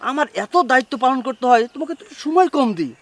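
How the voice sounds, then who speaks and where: Brief: high-pitched, rapid, pompous village playboy played by a man, music behind. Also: animated. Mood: boastful. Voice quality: loud, pompous and fast-talking. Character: boastful young village chairman's son, womanizer. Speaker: chairman's son. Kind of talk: village comedy drama acting.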